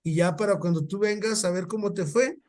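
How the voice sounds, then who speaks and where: A man's voice: high-pitched, fairly quick, darkish tone, lightly acted. A man with a Mexican accent voicing a poor man's caring, practical wife who reassures him. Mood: reassuring.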